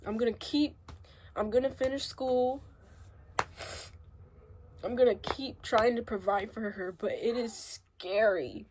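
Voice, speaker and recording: A young woman crying as she speaks a halting, emotional confessional vlog, her voice rising and breaking as she gets upset. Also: a little high. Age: young adult. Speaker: vlogger.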